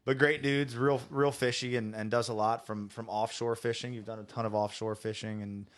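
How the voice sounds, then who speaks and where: A man in his late twenties co-hosting a podcast in a studio, talking in a relaxed, easygoing storytelling way. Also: fairly low pitch, moderate pace. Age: late 20s. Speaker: podcast co-host. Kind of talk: casual podcast chat.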